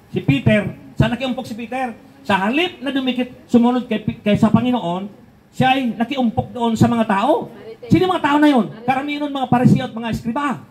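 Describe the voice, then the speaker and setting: A man's voice: very high-pitched, a little mellow, rough recording. An older man preaching a sermon in a conversational way, asking rhetorical questions and chuckling between points.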